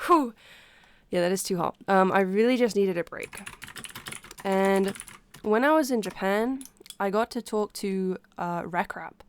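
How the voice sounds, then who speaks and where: Congested woman chatting, clear and dry. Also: medium pitch, dry recording. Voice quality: congested, stuffy-nosed. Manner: hesitant, halting, pausing for breath. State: sick with a blocked nose, breathing through mouth. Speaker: livestreamer talking to viewers. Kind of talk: casual unscripted chat.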